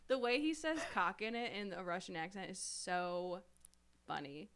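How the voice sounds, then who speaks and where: A woman co-hosting a podcast, gushing about books in an animated, giggly way. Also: fairly low pitch, normal speed, smooth. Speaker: podcast co-host. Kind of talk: casual book chat.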